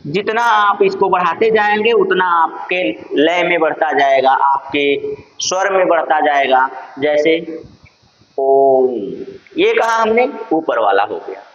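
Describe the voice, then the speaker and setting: A man with a Purvanchal Hindi accent teaches an exam-prep lesson in a fairly high voice. He keeps calling his listeners friends and answers his own questions. The recording sounds dull and lo-fi. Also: lively intonation, unhurried, a bit bright, slight background noise. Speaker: Sanskrit teacher.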